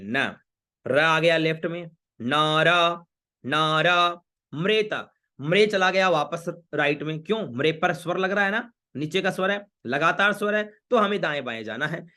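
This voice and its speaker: A man's voice: fairly high pitch, sharp tone. A man teaching an online class on reciting Vedic mantras. He spells out each word syllable by syllable and repeats it patiently for his students. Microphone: camera facing the viewer.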